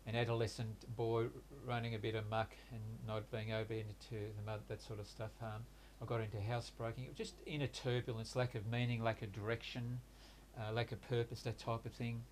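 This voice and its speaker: Reflecting on his life in an interview, a man in his sixties speaks at a medium pitch in a flat, even voice. He hails from Hungary, was raised in Australia, and Hungarian is his first language. He is halting and hesitant, with many pauses and restarts, and a little hiss or hum can be heard.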